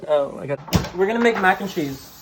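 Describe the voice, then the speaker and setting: A young man vlogging in his kitchen, talking casually into a camera mic in a flat, monotone way and swearing freely. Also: sits high, normal speed, heavy background noise. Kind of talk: casual chat. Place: home kitchen, indoors.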